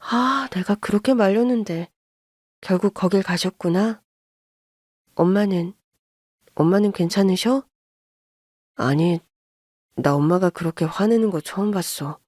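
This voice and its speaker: A woman's voice: medium pitch, a little mellow, dry recording, clean studio sound, natural voice. A woman voicing a young adult daughter who sounds worried and soothing. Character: young adult daughter, caring older sister.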